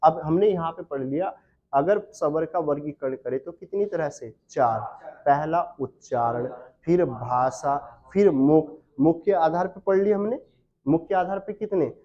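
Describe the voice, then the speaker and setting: Male tutor, fairly high voice, quizzes the class and answers himself, muffled lo-fi recording. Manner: asks students questions and answers them himself, repeats key terms slowly. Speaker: Hindi grammar teacher. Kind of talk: exam-prep class lecture. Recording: dull lo-fi sound.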